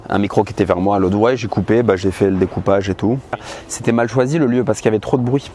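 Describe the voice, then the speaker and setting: A man's voice: on the low side, fast, mellow. A man in his thirties talking candidly and bluntly in a casual vlog, with plenty of fillers. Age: 30s. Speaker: vlogger. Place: outdoors on a busy city street. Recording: noisy outdoor street recording. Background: traffic and street ambience.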